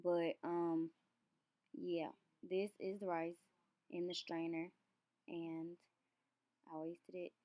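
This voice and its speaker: A woman's voice: fairly low pitch, level tone, slow, pauses often, lo-fi sound. A young woman hair vlogger giving a casual how-to walkthrough, rambling in a chatty, loose way. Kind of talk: casual how-to vlog narration.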